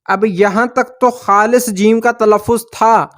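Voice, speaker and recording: A man gives a language lesson, his voice sitting noticeably high. He talks slowly and patiently, stretching out each sound he demonstrates. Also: fairly even intonation, a bit bright. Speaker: language teacher. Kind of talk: slow explanatory lesson.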